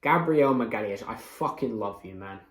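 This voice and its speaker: A man's voice: fairly low pitch, animated, moderate pace, fairly bright tone, roomy sound. A young man giving a passionate, mocking post-match reaction as a fan channel host. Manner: passionate, swearing, mocking rivals.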